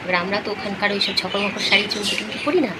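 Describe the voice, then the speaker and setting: A middle-aged mother with a Bengali accent chatting softly and homely to her vlog viewers. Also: medium pitch, little pitch movement, quick pace. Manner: soft, hushed, homely chat to viewers. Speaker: vlogger, mother. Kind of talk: casual vlog narration. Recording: loud background noise.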